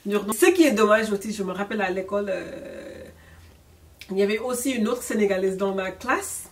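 This young YouTuber from Senegal, a native French speaker, talks fairly quickly in a medium-pitched voice during a candid storytime vlog. She laughs often and drops in English words, recorded by a distant mic on a camera framing her from the chest up.

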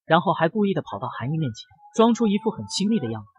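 A man narrating a comic-strip drama in brisk, dramatic scripted storytelling. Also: on the high side, very animated, dull audio, slight background noise.

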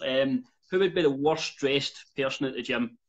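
A man's voice: mid-range voice, moderate pace. Easygoing young male interviewer on a call. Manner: easygoing, laughs along. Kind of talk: casual video-call interview. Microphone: video call with earphones. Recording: dull lo-fi call audio.

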